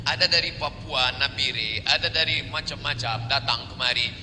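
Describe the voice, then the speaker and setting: A man preaching a sermon in a large mosque, animated and dramatic in his storytelling. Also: mid-range voice, moderate pace. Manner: animated, dramatizes stories and chants verses. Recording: long reverb of a large hall, faint noise.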